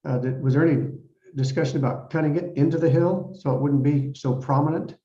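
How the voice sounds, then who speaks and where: A man's voice: a little high, fairly even intonation, warm tone. A man on the zoning board asking a hesitant question over a video call, stopping often to say uh. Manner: hesitant, halting with many uhs. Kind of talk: public meeting question. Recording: roomy, muffled video call audio.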